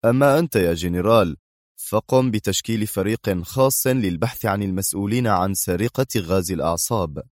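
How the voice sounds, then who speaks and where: A man voicing a cold, commanding intelligence chief in an audiobook, deep and low-pitched. He clips out his orders curtly, in a dry, close sound. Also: fairly quick, a little mellow, no room sound, close to an everyday voice. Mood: stern, commanding. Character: stern middle-aged male intelligence director.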